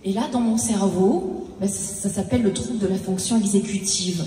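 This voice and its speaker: A woman's voice: medium pitch, mellow, slight background noise. Woman telling a comic stage story. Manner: halting storytelling, acting out her own dialogue. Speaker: stage storyteller sharing her own experience. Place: stage in a large hall. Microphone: handheld stage mic. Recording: echoey hall, mic at a distance.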